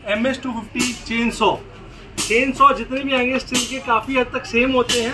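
A young man with a very high voice walks viewers through a machine demonstration step by step. He was recorded outdoors, and clear background noise sits under his speech. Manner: explaining step by step, addressing viewers directly. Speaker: product demonstrator. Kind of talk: hands-on product demonstration.

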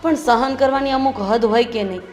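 A woman's voice: a little high, fairly quick, darkish tone, close to an everyday voice. An actress playing a concerned daughter-in-law, talking earnestly with her elders. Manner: earnest, complaining. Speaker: daughter-in-law in family drama. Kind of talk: Gujarati family drama acting.

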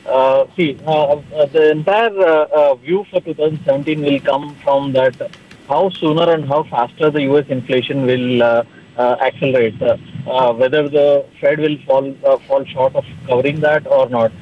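A man's voice: medium pitch, fairly even intonation, normal speed. A man, a commodity analyst answering on live TV, hesitant, with many fillers and restarts. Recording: tinny phone-like line.

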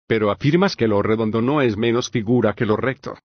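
A male reader voicing Socrates, an older patient philosopher, reading in an even, measured way with long reasoned questions. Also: fairly low pitch, dry recording, lo-fi sound, close to an everyday voice. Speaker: audiobook reader. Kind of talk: scripted audiobook reading of a philosophical dialogue.

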